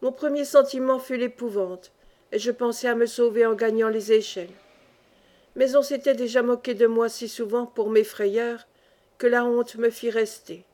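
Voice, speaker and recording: A woman reading a classic novel aloud as an audiobook. Her delivery is expressive and dramatic. Her voice sits fairly high. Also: normal speed. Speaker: audiobook narrator. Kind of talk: scripted narration of a classic novel.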